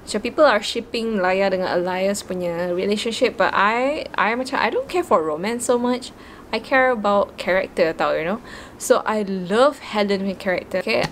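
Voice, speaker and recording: A woman's voice: medium pitch, slight background noise. A young woman with a Malaysian English accent, chatting casually about books and slipping Malay words into her English. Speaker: book vlogger. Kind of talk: casual chat.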